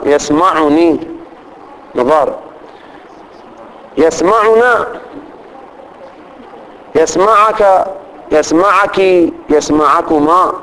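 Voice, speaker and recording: A man teaching grammar to a class, reciting lists of pronouns slowly and often checking that students follow. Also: a little high, a bit bright, low-quality recording. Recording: faint background noise.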